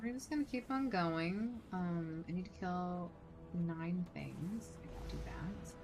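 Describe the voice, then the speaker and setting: This casual livestream features a woman streamer talking through her game, sometimes muttering, sometimes exclaiming, over background music. She speaks slowly in a fairly low voice, and the background is noisy.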